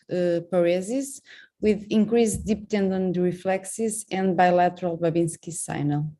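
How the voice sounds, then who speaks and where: A woman from Portugal, methodically presenting a neurosurgical case at an online conference. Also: lowish voice. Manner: steady, methodical case description.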